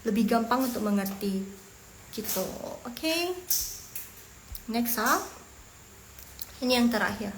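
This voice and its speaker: A woman teaching beginner Mandarin in a casual, chatty way, repeating phrases slowly for learners. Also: on the high side, expressive, roomy sound, a little hiss or hum. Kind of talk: casual language lesson.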